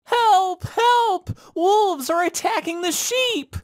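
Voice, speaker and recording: A man voicing a frightened young shepherd boy who shouts for help in a shrill, high voice. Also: slow, dry recording, studio quality. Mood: shouting.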